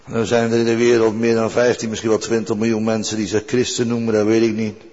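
A man's voice: lowish voice, completely flat delivery, quick pace, darkish tone. An older man preaching a sermon in an earnest way, repeating key phrases for weight. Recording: dull recording with long church reverb.

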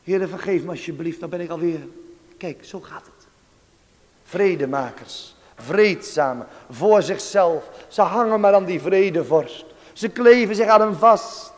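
A man preaching a sermon, swinging between hushed tenderness and rising fervor. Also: sits high, expressive, unhurried. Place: church. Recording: long reverb of a church hall.

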